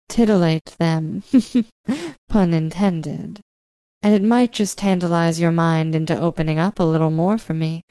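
Adult woman, smooth and mellow, intimate hypnosis narration delivered right in the ear, coaxing yet commanding. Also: lowish voice, no echo, rough recording. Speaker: hypnosis audio performer.

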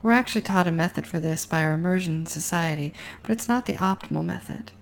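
Woman, hypnotist, low voice, vocal fry, slow hypnotic repetition, sultry, intimate. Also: slight background noise. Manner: sultry, intimate address to the listener. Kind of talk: guided hypnosis recording.

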